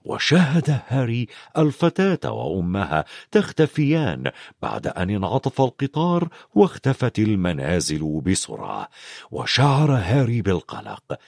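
A man narrating a children's storybook in an expressive, scripted reading. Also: medium pitch, creaky, no echo, clean studio sound. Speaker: audiobook narrator.

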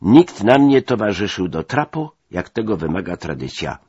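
A man narrating a memoir in measured, first-person scripted storytelling. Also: on the low side, big pitch swings, darkish tone, husky, no room sound, dull audio.

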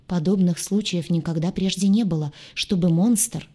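Brief: woman reading a jittery, chubby alien medic, husky low voice, anxious and excitable. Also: moderate pace. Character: chubby nervous male ship doctor, awed.

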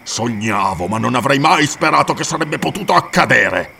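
A man voicing Conan, a raging gravelly barbarian. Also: medium pitch, sing-song, moderate pace, sharp tone, distant mic, slight background noise, full character voice. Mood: furious. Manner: snarling, raging, frenzied. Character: furious vengeful barbarian warrior, male adult.

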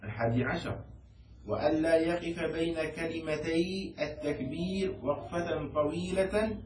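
Teacher in an echoey room, slightly high voice. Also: male voice, a little slow. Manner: often checks that the students follow; quizzes students and has them repeat words. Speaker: Islamic law teacher. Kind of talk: classroom lecture explaining a text. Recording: echoey room, distant mic, faint noise.

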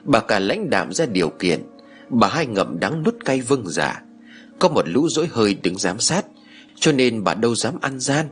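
A man narrating an audiobook story in an expressive, dramatic way. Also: fairly low pitch.

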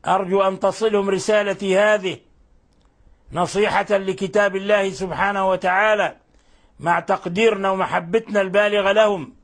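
A man's voice: high voice, steady tone, brisk. A man teaching a tajweed lesson on Quran recitation, explaining the rules patiently and often repeating and correcting his phrases.

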